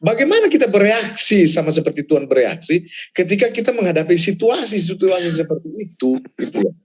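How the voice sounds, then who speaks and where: A man, a pastor, telling a personal testimony in casual chat, animated and laughing as he goes, repeating words for emphasis. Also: sits high, a little fast, breathy edge. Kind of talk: casual testimony in a church talk.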